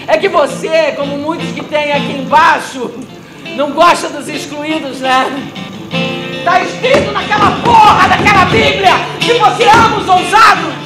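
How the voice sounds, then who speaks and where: A woman's voice: high voice, close to an everyday voice. An actress playing a grieving mother who lost her son, in an intense, pleading theatre monologue. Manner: intense, pleading, breaking into shouts. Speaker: stage actress. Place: theatre stage. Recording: echoey theatre with loud music.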